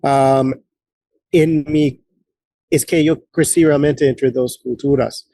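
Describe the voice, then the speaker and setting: A man in his late forties from the United States speaks as an interview guest. He talks haltingly, often restarting a phrase and reaching for words. His voice is mellow and the sound is dry and close. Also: medium pitch, fairly even intonation, no echo. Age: late 40s. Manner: halting, many restarts and fillers. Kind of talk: conversational interview.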